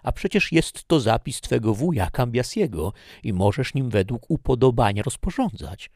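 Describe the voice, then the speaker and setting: A man's voice: medium pitch, sing-song, moderate pace, darkish tone, no echo, studio quality, pitched above the performer's own voice. A man voicing a capricious, passionate young woman who speaks vehemently and theatrically. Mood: coaxing, reproachful.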